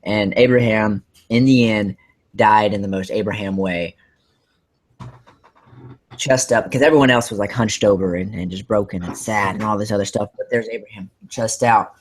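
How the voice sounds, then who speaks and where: Husky rambling man on a podcast. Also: fairly low pitch, moderate pace. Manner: excitable, rambling with many fillers and restarts. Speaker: podcast host. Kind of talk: casual podcast chat.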